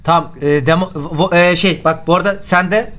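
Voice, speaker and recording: A man playing a game over voice chat in casual talk, giving quick orders to his teammates. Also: a little high, fairly even intonation, a bit bright. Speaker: player on voice chat.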